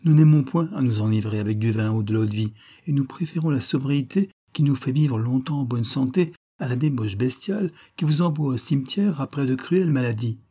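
A man's voice: medium pitch, fairly quick, hardly any pauses, dark tone, breathy edge, natural voice. A man reading aloud and voicing a proud, earnest nineteen-year-old island woman in a classic adventure novel.

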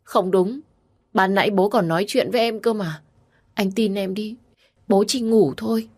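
A woman's voice: sits low, unhurried, a little mellow. A woman voicing a meek, devoted young pregnant daughter-in-law in a storybook reading. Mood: desperate. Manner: pleading, tearful in grief.

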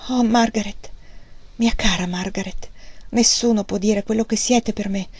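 A woman reading the lines of a proud, passionate man in a storybook, calling out loud and urgent. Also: medium pitch, steady tone, unhurried, husky. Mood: anguished. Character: grown man, proud mill owner, passionate.

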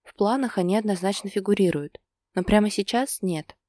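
A woman voicing a calm, teasing man who soothes his partner in a gentle, soothing way. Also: mid-range voice, brisk, no room sound, clean studio sound, close to an everyday voice.

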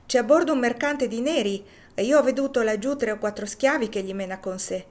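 A woman's voice: on the high side, fairly quick, a little mellow, pitched above the performer's own voice, close to an everyday voice. Woman voicing an eager little boy, raised voice, storybook. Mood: excited.

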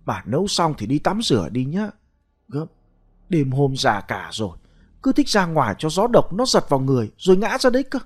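A man's voice: a little high, sing-song, normal speed. A man voicing a fussy scolding old grandfather. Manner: raised, scolding.

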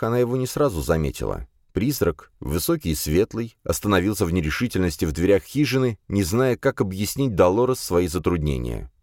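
Deep-voiced expressive male audiobook narrator. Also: no room sound, clean studio sound. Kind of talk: scripted narration.

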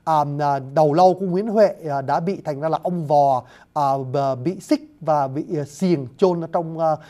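A man with a fairly high, mellow voice lectures on classical poetry at a moderate pace, explaining it word by word. He often addresses his listeners politely and uses hesitant fillers.

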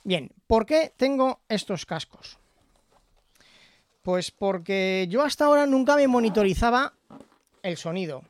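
A man from Zaragoza, Spain, chatting casually into a studio microphone as he reviews his headphones, often tagging his phrases with a quick question. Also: high voice, lively intonation, dry recording. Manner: chatty, tags phrases with "¿vale?". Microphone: studio microphone in front of him.

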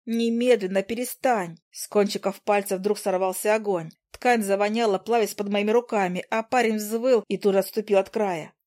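A woman narrating a fantasy audiobook in the first person with lively, expressive storytelling. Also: mid-range voice, fairly quick, few pauses. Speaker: audiobook reader.

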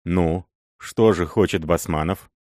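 A man's voice: low voice, a little slow, a little mellow, dry recording, studio quality. A man voicing a stern, jealous, hot-tempered prince who barks commands in an audiobook. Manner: commanding, harsh.

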